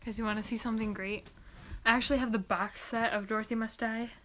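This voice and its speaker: A woman's voice: a little high, steady tone, fast, a bit bright, a little hiss or hum. A woman hosting a casual live-stream Q&A from home as a book vlogger, chatty and giggly.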